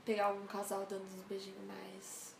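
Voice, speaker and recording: Soft, flat-voiced woman interviewer. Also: mid-range voice, normal speed, vocal fry. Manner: soft-spoken, brief reactions. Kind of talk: casual interview.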